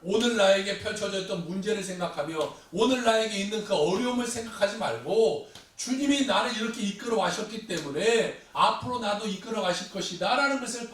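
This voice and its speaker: A man preaching a Sunday sermon as pastor, animated and acting out prayers and everyday complaints. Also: high voice. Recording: echoey hall, distant mic, faint noise.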